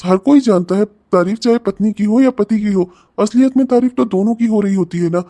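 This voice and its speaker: Voicing a laid-back young cartoon friend, a man coaxes his buddy toward reason in a casual, sensible manner. He speaks briskly in a high-pitched, mellow voice.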